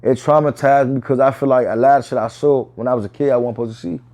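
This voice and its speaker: A man's voice: medium pitch, fairly even intonation, fast, darkish tone. A man speaking candidly in an interview about his own life, in casual, profane street slang peppered with "bro" and "you know what I'm saying". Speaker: interview guest.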